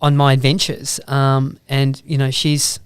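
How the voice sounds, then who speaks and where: A man's voice: mid-range voice, completely flat delivery, unhurried, smooth, no echo, studio quality. A man with a broad Australian accent telling rambling anecdotes casually in an interview. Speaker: podcast guest, motorbike vlogger.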